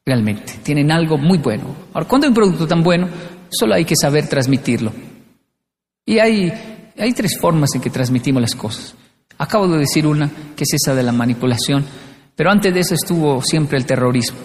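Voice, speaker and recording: A man's voice: fairly high pitch, fairly quick, slight background noise. A man giving a humorous motivational talk, acting out little scenes. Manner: animated, acts out scenes. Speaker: motivational speaker. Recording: long hall reverb.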